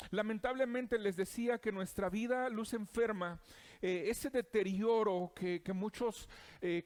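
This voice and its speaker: A man's voice: high voice, darkish tone. A man preaching a sermon, speaking directly to the listener in an earnest, urging way.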